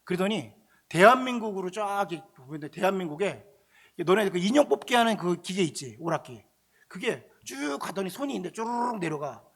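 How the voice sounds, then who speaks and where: Brief: male pastor, animated storytelling sermon, husky gravelly voice that pushes up high. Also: a little fast. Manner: animated, conversational, acting out quotes, shouting at peaks.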